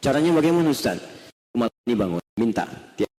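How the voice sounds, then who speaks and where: A man's voice: mid-range voice, sing-song, fast talker, dark tone. A man preaching a sermon, telling a story and speaking directly to the women listening. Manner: storytelling, addressing women listeners directly, acts out quoted voices. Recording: long hall reverb.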